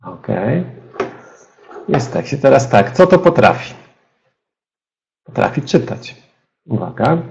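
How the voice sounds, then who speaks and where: A man trainer walking listeners through a software demonstration in a webinar, explaining step by step and addressing them directly. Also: mid-range voice, very animated, slow, creaky, long pauses, lo-fi sound.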